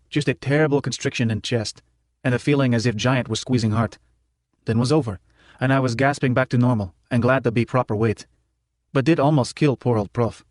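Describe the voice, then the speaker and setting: A man's voice: medium pitch, dry recording, studio quality. Clipped male audiobook narrator. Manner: clipped first-person telling with dropped articles. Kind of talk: scripted narration.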